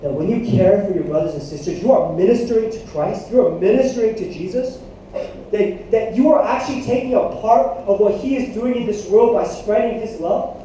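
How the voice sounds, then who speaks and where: Animated pastor in an echoey hall. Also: male voice, sits high, a little fast, a little hiss or hum. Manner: animated storytelling, asks the room for responses. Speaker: youth pastor. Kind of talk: sermon. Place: church hall. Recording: echoey hall, mic at a distance.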